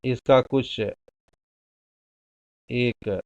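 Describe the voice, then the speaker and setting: Male teacher giving a slow classroom lecture, mid-pitched voice, dull dry lo-fi recording. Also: a little mellow, dry recording. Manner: slow, deliberate explaining with examples. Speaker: Hindi teacher.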